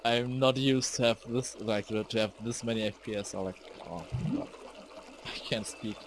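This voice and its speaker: A man's voice: fairly low pitch, steady tone, normal speed. Young male streamer rambling over noise. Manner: rambling, easily startled, swears and shouts at enemies. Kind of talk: live gameplay commentary.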